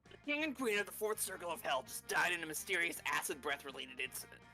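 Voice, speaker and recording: Brief: boisterous demon schemer for a game, played by a woman, bright, animated, dramatic. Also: on the low side, fast talker, faint music behind, pitched below the performer's own voice, heavily acted, rough recording. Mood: scheming. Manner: dramatic, exclamatory. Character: boisterous, scheming demon eager to impress and betray.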